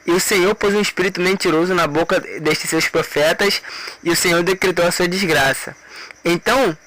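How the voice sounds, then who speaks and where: A man's voice: high voice, moderate pace, a bit bright, poor audio. A man preaching an informal sermon, retelling scripture in everyday speech and repeating words for emphasis.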